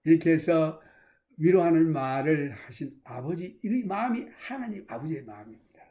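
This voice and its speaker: A male pastor preaching a sermon in a dramatic storytelling manner, swinging between loud emphasis and hushed lines. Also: a little high, expressive, normal speed.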